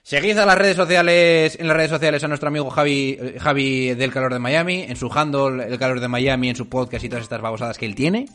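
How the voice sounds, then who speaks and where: A man's voice: mid-range voice, fairly even intonation, fast talker, few pauses, a bit bright. A man hosting a casual basketball podcast, teasing his co-host and wrapping up the episode. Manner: teasing, joking.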